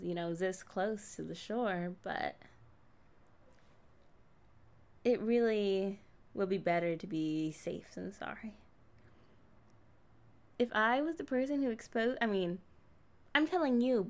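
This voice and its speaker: In a conversational ASMR roleplay, a young woman plays a mermaid who is kind and curious yet guarded, chatting casually with hesitant pauses. Her mid-range voice is a little mellow, and she sounds cautious.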